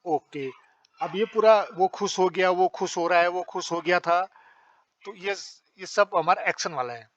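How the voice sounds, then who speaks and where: A man's voice: high voice, a little slow, a bit bright, highs cut off, a little hiss or hum. A man teaching English in a patient, repetitive lesson, often checking that students understand. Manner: explains patiently, repeats phrases, checks understanding. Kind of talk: spoken English lesson in Hindi.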